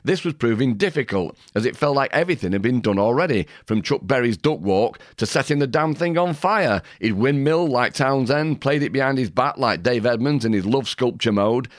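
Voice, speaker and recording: A man's voice: mid-range voice, lively intonation, normal speed, hardly any pauses, no room sound, clean studio sound. A man co-hosting a podcast, chatting casually, laughing often and reading quotes aloud. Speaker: podcast co-host.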